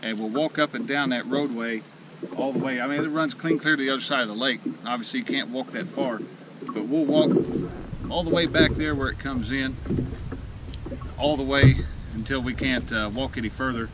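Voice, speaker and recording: An out-of-breath, excited man from Illinois hosts a fishing vlog from a small boat on a lake, talking folksily to camera at medium pitch and a moderate pace. He rambles casually with many fillers, captured by an action camera mounted in the boat amid loud outdoor wind and water noise.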